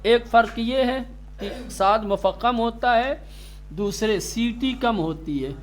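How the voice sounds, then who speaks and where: Stern high-voiced male recitation teacher. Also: a little hiss or hum. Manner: drawn-out demonstrations of letter sounds; stern, scolds students sharply. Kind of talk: classroom pronunciation lesson. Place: classroom with students.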